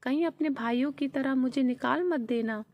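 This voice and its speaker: A woman's voice: high-pitched, normal speed, no room sound, lo-fi sound. A woman reading the lines of a grieving old village father in a storybook narration, pleading through tears. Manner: tearful pleading read-aloud.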